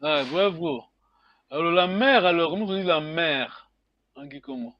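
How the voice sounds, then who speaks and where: A man with a high voice teaching slowly, pausing often with hums as he quizzes his class. The audio is dull and dry, with no room echo. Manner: slow, questioning students, many hmm fillers. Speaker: Kikongo language teacher. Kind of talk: online group lesson.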